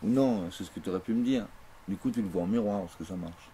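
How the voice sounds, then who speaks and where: A man giving a grandiose, declamatory mystical monologue in an interview, slow and emphatic. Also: low voice, mellow, a little hiss or hum.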